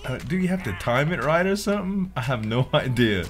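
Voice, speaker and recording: A man's voice: medium pitch, lively intonation, a little fast, soft background music. A young man giving casual, exclamatory gameplay commentary as a let's-player, swearing freely. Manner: exclamatory, swearing, laughs readily. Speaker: let's play gamer.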